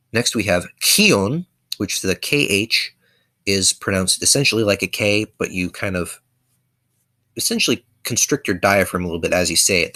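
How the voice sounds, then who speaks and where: A man's voice: sits low, pushed and bright. A man casually explaining his constructed language's verbs in a video lesson, hesitant, with frequent ums and self-corrections. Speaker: conlang teacher.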